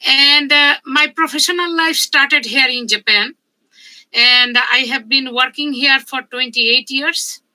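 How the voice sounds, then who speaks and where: A woman in her fifties, a medical researcher giving a conference talk in a halting, measured way with frequent pauses. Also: high-pitched, bright, forceful tone, low-quality recording. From Bangladesh. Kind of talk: conference presentation.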